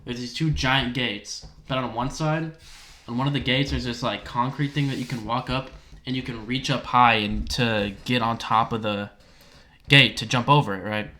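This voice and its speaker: A young man co-hosting a casual podcast, excitedly retelling a story, swearing often and acting out his friends' lines. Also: mid-range voice, normal speed. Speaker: podcast co-host. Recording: roomy echo.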